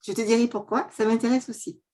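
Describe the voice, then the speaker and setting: A woman's voice: a little high, steady tone, fast talker. A woman coach hosting an interview over a video call, chatty and full of fillers. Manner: chatty, warm welcome, frequent fillers. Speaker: host and coach.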